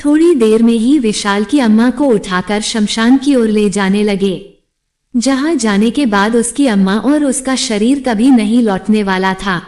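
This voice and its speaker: A woman storyteller reading a devotional story in steady, plain scripted narration. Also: fairly high pitch, unhurried.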